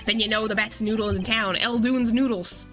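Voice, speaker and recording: A woman's voice: fairly high pitch, fairly even intonation, moderate pace, fairly bright tone, faint music behind, natural voice. A woman voicing a brash older noodle vendor, with a put-on folksy drawl of an accent that wanders. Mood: indignant.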